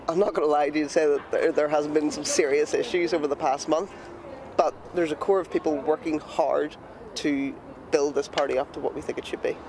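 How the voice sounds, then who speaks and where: Northern Irish male interviewee, local politician, higher register, earnest delivery. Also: background noise. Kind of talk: news interview answers.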